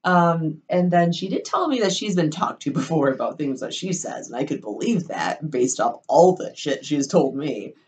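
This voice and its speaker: A woman's voice: low-pitched, sing-song, moderate pace, hardly any pauses, a little mellow. A young woman in a casual storytelling vlog, rambling with lots of ums and likes, swearing freely and wryly. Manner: rambling, full of ums and likes, profane and wry.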